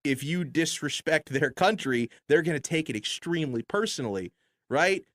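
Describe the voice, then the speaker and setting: A man co-hosting sports radio talk, laying out his theories in an animated way. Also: fairly high pitch, moderate pace, no room sound.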